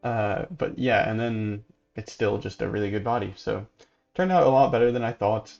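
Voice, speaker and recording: A man hosting a gaming channel, casually commenting on gameplay and thinking aloud in a relaxed, sleepy way. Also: on the low side, normal speed, creaky, muffled recording, faint music behind. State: sleepy, yawning.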